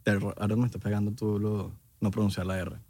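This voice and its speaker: A man's voice: lowish voice, flat delivery, quick pace, warm tone, no room sound. Young Cuban man cohost, teasing slangy banter, dry close mic. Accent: Cuban Spanish. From Cuba. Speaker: podcast co-host. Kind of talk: casual chat.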